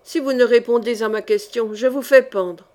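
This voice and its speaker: A woman's voice: medium pitch, slow, mellow, lightly acted. A woman doing a raging medieval duke. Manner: roaring threats. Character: the Duke of Burgundy, a furious man.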